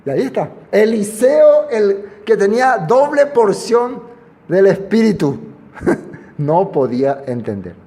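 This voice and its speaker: A man's voice: sits high, expressive, slow pace, mellow. Man, pastor, raised voice, conversational sermon, reverberant hall. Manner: conversational, asks the audience questions. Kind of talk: expository sermon.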